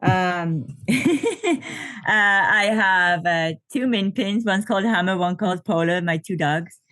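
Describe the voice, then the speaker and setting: A woman's voice: on the low side, a little slow, a bit bright, dry recording. Chatty woman in her fifties, dry sound. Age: 50s. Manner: chatty, laughing, with many fillers. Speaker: podcast guest, ultra triathlete. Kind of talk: casual interview chat.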